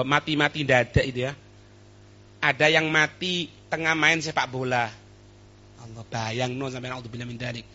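Preacher guy, high sharp voice, quotes arabic then explains, dull lo-fi recording. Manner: quotes Arabic then translates, asks the audience questions. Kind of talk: sermon.

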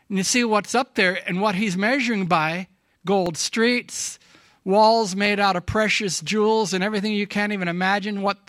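A man preaching to his church, his high voice rising as he presses each point and throws questions to the congregation. The tone is bright and forceful, and the sound is dry and close. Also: dry recording. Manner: emphatic, asks the congregation questions; gets emotional. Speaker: pastor. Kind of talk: sermon.

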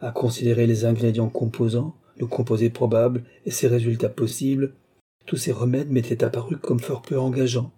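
A man narrating an audiobook in a very dark, mellow voice. His tone has a husky grain, and his reading is measured and even. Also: medium pitch. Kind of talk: scripted narration.

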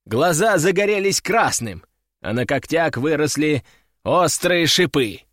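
A man narrating a first-person audiobook story in a wry, measured way. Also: on the high side, lively intonation, fairly bright tone, no room sound, clean studio sound. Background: faint music.

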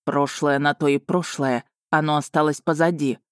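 A woman's voice: low-pitched, steady tone, moderate pace, no room sound, clean studio sound, lightly acted. A woman reading the part of a blunt, unflappable male dragon-man who speaks in a curt, commanding way. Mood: calm, suspicious. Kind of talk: audiobook character voice.

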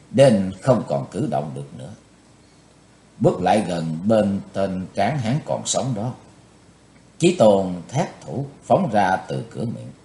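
A man's voice: on the low side, warm tone. A man narrating a martial-arts novel as an audiobook, telling it in a dramatic, varied way. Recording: roomy echo.

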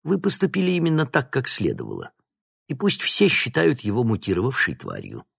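A man voicing a calm, sly male conspirator who speaks evenly and smoothly. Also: medium pitch, brisk, no echo, studio quality, voice pushed up, full character voice.

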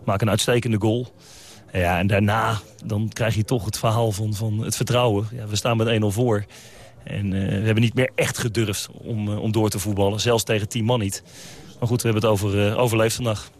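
A man, a football coach, answering questions after a match in a measured, reflective way with hesitations. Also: lowish voice, fairly even intonation. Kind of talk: post-match interview.

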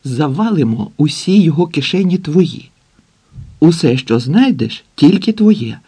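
A man's voice: on the high side, big pitch swings, a little slow, dark tone, slightly rough, pitched above the performer's own voice, full character voice. A man voicing a pot-bellied, scheming middle-aged man in an audiobook, grumbling and wheedling.

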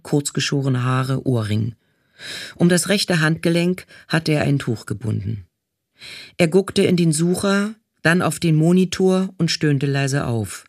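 A man reading a novel aloud in calm, even scripted narration. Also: on the high side, vocal fry, no echo, studio quality. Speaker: audiobook reader.

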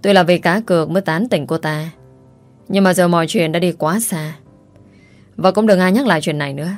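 A woman's voice: fairly low pitch, a little fast, soft background music, natural voice. A woman voicing an arrogant young playboy who talks curtly and dismissively, in a storybook reading.

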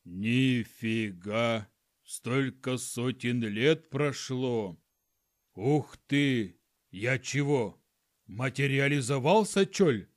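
A man voicing a crowd of old peasant ghosts who talk in drawn-out, howling tones. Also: mid-range voice, lively intonation, no room sound, clean studio sound. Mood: amazed. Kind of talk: audiobook narration.

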